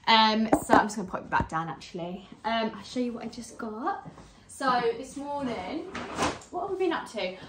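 A woman's voice: fairly high pitch, animated, moderate pace, heavy background noise. A young woman from England, chatting casually to her phone camera in a rambling vlog full of fillers. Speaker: vlogger. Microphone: handheld phone.

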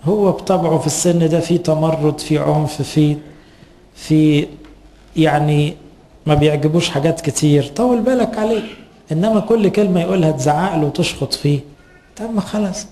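A man's voice: a little high, a little fast, warm tone. A man with an Egyptian Arabic accent, a priest giving an earnest, advising sermon to parents and asking rhetorical questions.

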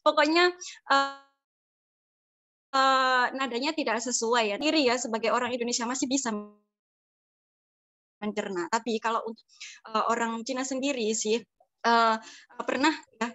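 A woman with a somewhat high voice speaks on an academic panel. She talks conversationally, drawing on personal anecdotes. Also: fairly even intonation, normal speed, long pauses, pushed and bright. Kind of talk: casual academic discussion.

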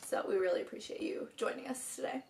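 Here the Minnesota vlogger sounds fairly high-pitched and fast, with vocal fry and a slightly mellow quality, still hoarse from just waking up. She giggles and chats casually at home to a camera set on a stand.

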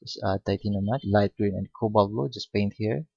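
A man giving a step-by-step painting lesson, speaking unhurriedly with many pauses and fillers. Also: fairly low pitch, gravelly, slightly rough, no room sound. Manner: unhurried, hesitant with frequent fillers. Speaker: painting instructor. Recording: dull lo-fi recording.

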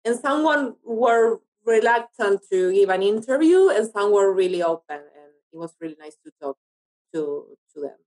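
Here the Argentine actress and TV producer sounds lively, her medium-pitched voice slightly mellow and her pace normal. As a native Spanish-speaking interview guest, she talks in a relaxed way and keeps searching for words. The audio is poor.

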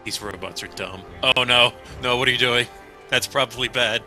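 Bright-voiced joking gamer man. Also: medium pitch, moderate pace, faint music behind. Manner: joking, laughing, mock-outraged. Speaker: gameplay co-commentator. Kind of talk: casual let's play chat.

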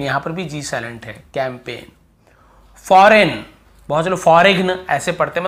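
Man slowly teaching pronunciation rules. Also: fairly high pitch, fairly bright tone. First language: Hindi. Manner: explains slowly, repeats words for drill. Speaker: English teacher. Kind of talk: classroom lesson.

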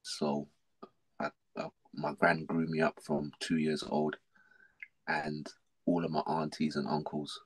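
With a rumbling low, husky voice and a slow pace, a middle-aged man from South London shares his life story on a podcast. He speaks casually with a South London accent, slangy and animated, often repeating himself.

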